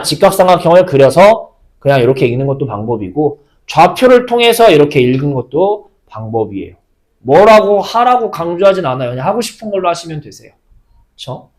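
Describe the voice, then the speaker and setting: Lively male math teacher, quizzing style. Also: fairly high pitch. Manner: lively, asks students questions and answers them himself. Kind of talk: recorded math lesson.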